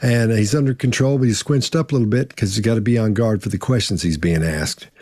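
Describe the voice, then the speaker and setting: Low-voiced man hosting a casual panel. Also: brisk, warm tone, no room sound, clean studio sound. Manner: rambling, with many fillers and restarts. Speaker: panel host.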